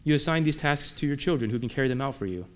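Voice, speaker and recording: Conversational preaching man, mid-pitched. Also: lively intonation, rapid-fire. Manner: conversational preaching with rhetorical questions; swings between emphatic and quiet. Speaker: pastor. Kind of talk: sermon.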